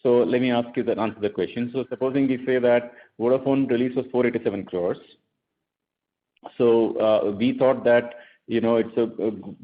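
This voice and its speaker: Indian executive on a thin phone line. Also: male voice, mid-range voice. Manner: conversational, repeats and rephrases to explain. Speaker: bank executive on earnings call. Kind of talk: explaining figures on a conference call. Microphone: phone conference line.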